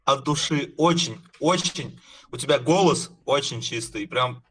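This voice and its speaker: Medium-pitched man, emphatic and repetitive. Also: measured pace, a bit bright, husky. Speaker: video chat stranger giving praise. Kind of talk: casual chat.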